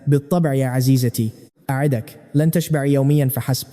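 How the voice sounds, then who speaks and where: A man's voice: mid-range voice, fairly even intonation, fast, dark tone, big-room sound, lightly acted. A man reading the lines of a confident, firm young hero in a storybook recap.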